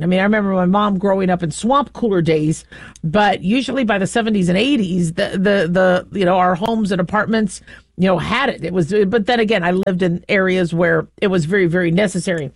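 The host is a middle-aged woman from the southwestern United States with an American accent and a medium-pitched voice. In a dry, studio-quality recording, she talks casually and outspokenly on her radio show, rambling as she goes.

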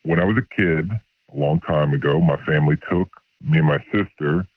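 A man's voice: brisk, breathy edge, dry recording. A man in his forties calling in to a radio show, his voice run through a voice changer to hide who he is, telling his story a little hesitantly. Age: 40s. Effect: voice changer, pitched down to disguise him. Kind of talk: casual confession. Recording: tinny phone line.

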